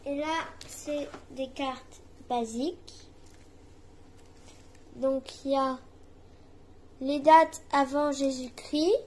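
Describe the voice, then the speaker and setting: A woman's voice: sits high, fairly even intonation, very slow, long pauses, darkish tone, slight background noise. A young girl at home joining in with answers while a board game is unboxed. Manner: eager, chimes in with answers.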